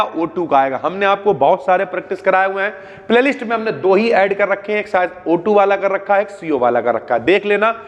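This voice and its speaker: High-voiced chatty Hindi tutor in reverb. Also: male voice. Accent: North Indian Hindi. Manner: chatty, addresses students as bhaiya, homely examples, drops pitch on asides. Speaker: exam-prep teacher. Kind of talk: casual Hindi exam revision lesson.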